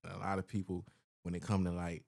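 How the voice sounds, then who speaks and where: Deep-voiced laid-back podcast man. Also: monotone, fast, creaky, a little mellow. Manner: laid-back, slangy, rambling. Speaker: podcast co-host. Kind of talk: casual podcast chat.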